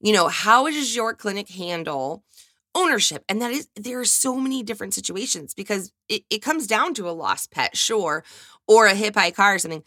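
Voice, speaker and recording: Bright-voiced American woman with vocal fry. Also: mid-range voice, lively intonation, a little fast, dry recording, clean studio sound. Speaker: podcast co-host, veterinary technician. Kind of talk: casual podcast chat.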